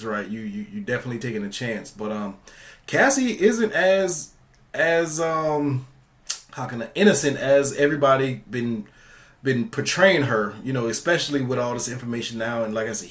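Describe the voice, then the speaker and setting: A man talks casually on his commentary channel in a loose, rambling way, full of fillers and restarts. He speaks at a middle pitch.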